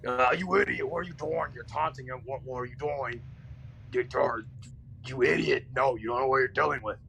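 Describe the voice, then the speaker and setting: A man voicing an exasperated, panicky male companion who scolds quickly. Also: medium pitch, vocal fry, bright, forceful tone, a little hiss or hum. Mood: scolding.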